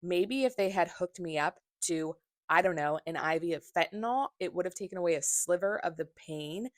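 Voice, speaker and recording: A young woman speaks to her viewers in a casual vlog style. Her voice sits on the low side and is captured dry, with very little room sound. She is candid and blunt in how she puts things. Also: normal speed, no room sound. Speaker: vlogger.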